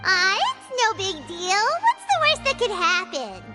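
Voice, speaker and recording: A woman voicing a tiny, excitable, childlike companion creature in a video game who talks about herself in the third person. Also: very high voice, a little slow, soft background music, full character voice. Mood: breezy.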